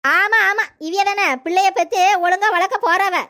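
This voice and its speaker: Woman doing a sharp-tongued gossipy village woman with a Tirunelveli accent. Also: extremely high pitch, steady tone, moderate pace. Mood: scolding. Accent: Tirunelveli Tamil. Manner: mocking, scolding, dramatic.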